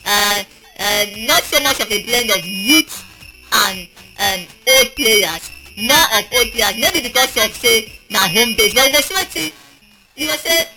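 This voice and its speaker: A woman with a Nigerian accent hosting a sports radio call-in show, chatting casually and reading out phone lines. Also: a little high. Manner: chatty, reels off phone numbers. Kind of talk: casual sports talk in Pidgin.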